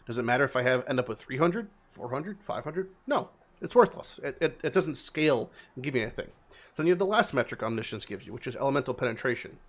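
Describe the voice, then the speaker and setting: A man with a medium-pitched voice streams a game with casual commentary. He talks informally, swears freely and repeats words to drive things home. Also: husky.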